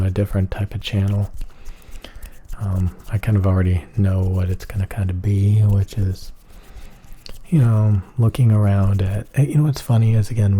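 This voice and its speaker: A man giving a rambling ASMR talk in a flat, emotionless monotone, hesitant and meandering as he goes. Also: fairly low pitch. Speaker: ASMR video creator.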